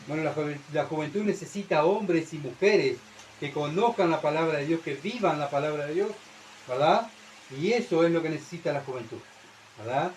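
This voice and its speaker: Man, Uruguayan accent, sermon, high voice, faint room hum. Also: a little mellow, low-quality recording. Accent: Uruguayan Spanish. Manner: rhetorical questions to the congregation, frequent "¿verdad?". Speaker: preacher. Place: church.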